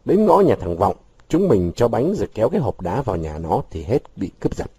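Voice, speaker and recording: A man's voice: lowish voice, big pitch swings, dark tone, breathy edge, no room sound, full character voice. A man reading aloud, voicing a bold, bossy village boy who makes plans for his friends. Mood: eager. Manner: bossy, quick-witted.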